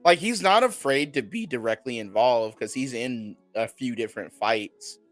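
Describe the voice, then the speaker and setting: A man's voice: mid-range voice, animated, normal speed, soft background music. A man co-hosting an anime podcast, laid-back and laughing often, with casual swearing. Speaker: podcast co-host. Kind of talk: casual chat.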